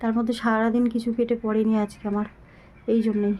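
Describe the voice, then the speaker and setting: Middle-aged woman vlogger, short of breath and weak, flat halting delivery, mellow phone-camera sound. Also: a little high, low-quality recording. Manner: slow, halting, pleading. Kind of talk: casual talk to viewers.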